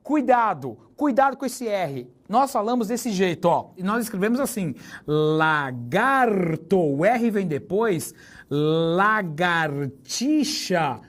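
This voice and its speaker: Joking teacher. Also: male voice, sits high, very animated. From Brazil. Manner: chatty, joking, spells words out slowly and stresses them. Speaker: Portuguese teacher. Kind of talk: recorded exam-prep lesson.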